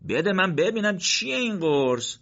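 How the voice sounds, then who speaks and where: A man voicing a jokey, easygoing male soldier who talks in a slow drawl. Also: high-pitched, sing-song, creaky, a bit bright, voice pushed up, exaggerated voice. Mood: amused. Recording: dull lo-fi recording.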